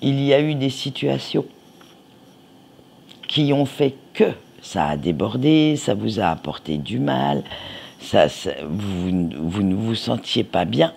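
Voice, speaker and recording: A man's voice: on the low side, animated, slow, gravelly, a little mellow, husky. A man doing a casual tarot reading, chatting informally with viewers and addressing them in asides. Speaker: tarot card reader.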